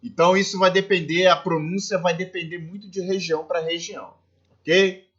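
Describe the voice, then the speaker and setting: A man's voice: high voice, flat delivery, normal speed, fairly bright tone, dull audio. A Brazilian man with a Brazilian Portuguese accent, a teacher giving a recorded lesson and explaining step by step, often checking in with his students. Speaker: Spanish teacher.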